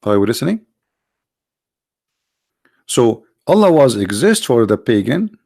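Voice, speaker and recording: Gravelly, tired-voiced man lecturing. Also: medium pitch, very animated, a little mellow, no room sound, clean studio sound. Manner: emphatic, rhetorical questions, halting restarts. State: tired, strained voice. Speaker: religious apologist. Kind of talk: lecture on scripture.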